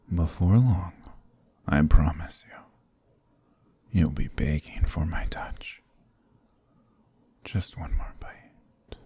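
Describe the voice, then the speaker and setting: A man playing a centuries-old, possessive and sadistic vampire lord in an intimate ASMR roleplay, husky and often whispering, with a commanding, condescendingly tender manner. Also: extremely low pitch, dark tone, dry recording, full character voice.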